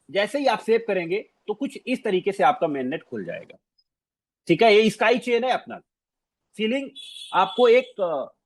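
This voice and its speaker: Speaking to his audience in a lively way, a male presenter walks through his screen casually, repeating himself and dropping in English words. His voice sits high, and there's no room sound.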